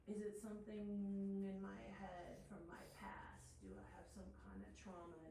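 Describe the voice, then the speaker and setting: A woman's voice: medium pitch, a little hiss or hum. A woman presenting a parent workshop, speaking to the audience with frequent questions and checks like "okay?". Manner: engaging, asks the audience often. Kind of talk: interactive workshop talk. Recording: echoey room from a distance.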